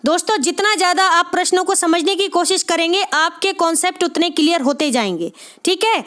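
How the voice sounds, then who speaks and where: Woman tutor, very high pitch, encouraging exam-prep teacher, constantly checks for understanding. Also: fairly bright tone. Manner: encouraging, repeats "ठीक है?" after nearly every phrase; spells out sounds slowly one by one. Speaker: Hindi literature exam tutor. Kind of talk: spoken exam-prep lesson.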